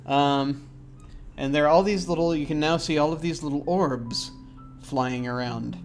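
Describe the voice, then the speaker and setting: A man running a tabletop game as game master, describing scenes with frequent pauses and restarts. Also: fairly high pitch, faint music behind. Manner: hesitant, many fillers and restarts.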